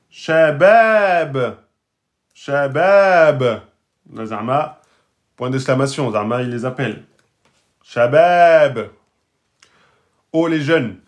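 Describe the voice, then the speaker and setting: A man teaching Arabic and Quran reading in a recorded lesson, patiently sounding out words syllable by syllable and talking straight to his students. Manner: slow, patient, drills syllables one by one; sounds out words very slowly, raising his pitch.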